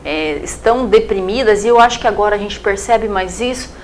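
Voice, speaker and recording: A young Brazilian woman, a psychiatrist appearing as an interview guest, chats casually with a Brazilian Portuguese accent, using everyday examples and plenty of fillers. Her mid-range voice is fairly quick and slightly mellow. The audio is poor, with a bit of hiss or hum.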